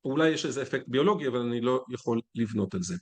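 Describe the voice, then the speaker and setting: A man's voice: medium pitch, lively intonation. A man, a physician, giving a conference lecture in a conversational, candid way with anecdotes.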